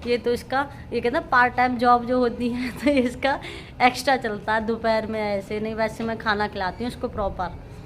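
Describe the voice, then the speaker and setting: Filmed on a handheld phone with a little hiss or hum, this family vlog features a mother chatting straight to her audience at home and then on the rooftop. Her voice is on the high side, a bit bright, steady in tone, and at normal speed.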